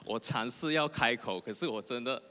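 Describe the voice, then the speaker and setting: A young male preacher shares his personal testimony earnestly during a sermon in a church hall, often asking the congregation questions. He speaks at medium pitch and a moderate pace, his voice pushed and bright, and the recording carries long hall reverb.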